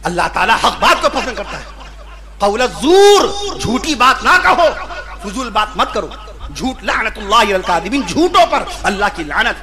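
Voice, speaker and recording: Man, very high voice, fiery preacher, shouted repetitive lists, careful pronunciation corrections. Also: big pitch swings, normal speed. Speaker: Islamic preacher. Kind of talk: impassioned sermon at a religious gathering.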